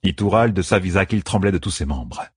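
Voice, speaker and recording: A man narrating a fantasy novel in a measured, dramatic reading, close to the mic. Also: low voice, lively intonation, breathy edge, no room sound. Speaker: audiobook narrator.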